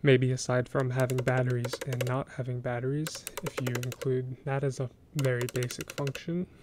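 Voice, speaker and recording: An American man hosting a soft-spoken ASMR show-and-tell, talking in a casual, rambling, hesitant way. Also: mid-range voice, little pitch movement, moderate pace, noisy background. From United States. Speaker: ASMR video host.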